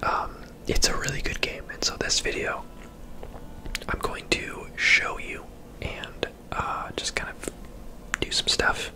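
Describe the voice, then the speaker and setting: Someone offers relaxed, unhurried ASMR commentary on a game, whispering softly and breathily close to the microphone. The recording quality is rough.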